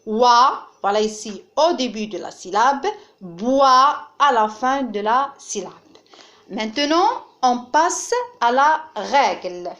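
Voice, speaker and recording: Slow, clear-speaking woman teacher. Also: on the high side, lively intonation, fairly bright tone, highs cut off. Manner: slow, clearly articulated, pointing things out. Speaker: primary school teacher. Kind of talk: recorded phonics lesson for children.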